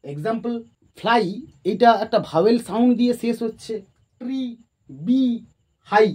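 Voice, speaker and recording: A grammar teacher giving a lesson at a board, who dictates definitions slowly word by word and then explains them, patiently repeating key terms. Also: mid-range voice, expressive, a little mellow, husky.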